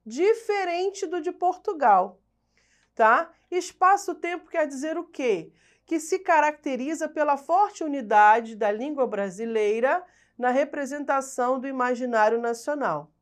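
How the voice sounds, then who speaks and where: A woman from Brazil teaching a recorded online language class. She explains step by step, asks rhetorical questions and answers them herself, checks in with "tá?", and corrects herself over hard words. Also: fairly high pitch.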